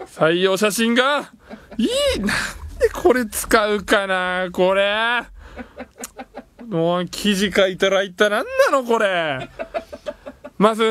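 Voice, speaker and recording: A man's voice: high voice, animated, a little slow, a bit bright, a little hiss or hum. A man hosting a radio show in a studio, chatting casually, joking and complaining playfully with frequent laughs.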